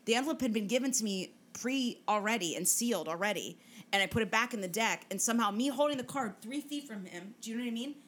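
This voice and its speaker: Animated woman telling a story. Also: on the high side, fast. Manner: animated storytelling, swearing, acting out quotes. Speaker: podcast co-host. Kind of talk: casual chat.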